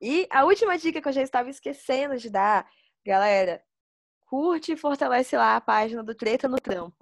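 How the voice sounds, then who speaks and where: A woman's voice: high voice, lively intonation, moderate pace, gravelly, dry recording, studio quality. A young Brazilian woman hosting a casual podcast, chatting in emphatic, sweary slang with a slight lisp that makes her s slushy. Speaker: podcast host.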